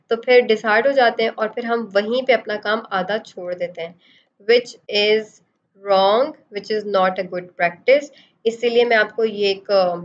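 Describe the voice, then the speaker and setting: A woman with a fairly high voice walks through a design tutorial one step at a time. She mixes English phrases into her explanations. The voice-over sounds a little dull and lo-fi. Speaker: design instructor. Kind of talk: screen-recorded software tutorial.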